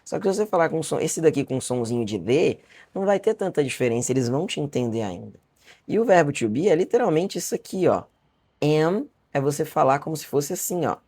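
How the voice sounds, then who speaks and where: A Brazilian man with a Brazilian Portuguese accent, teaching a beginner lesson online in a chatty, encouraging way and repeating words slowly for practice. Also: a little high, animated, mellow, slightly rough. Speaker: English teacher. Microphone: webcam or camera facing him.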